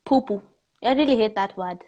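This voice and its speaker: Speaking as an interview guest, a Kenyan-accented woman is candid and expressive, phrasing things informally. Her mid-range voice moves a little fast, and the recording is muffled.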